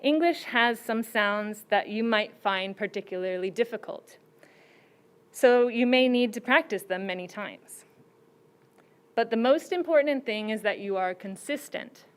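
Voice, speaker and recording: Woman, contest judge, clear higher voice, measured teacherly delivery with rhetorical questions. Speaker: contest judge giving advice. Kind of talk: prepared speech to students.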